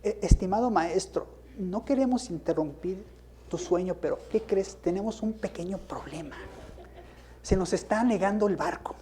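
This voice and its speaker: A timid male disciple, as a preacher puts him on, speaks in a hushed, hesitant and deferential way. His voice is dark and mellow and sits a little low. It comes from a church sermon. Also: normal speed, lightly acted. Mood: timid, polite.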